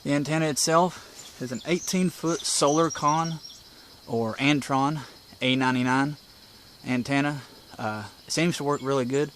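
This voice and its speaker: This hobbyist presenter talks at a measured pace, his medium-pitched voice steady and fairly bright. Outdoors beside a porch, with insects and birds plainly heard, he offers a relaxed, folksy, step-by-step guide.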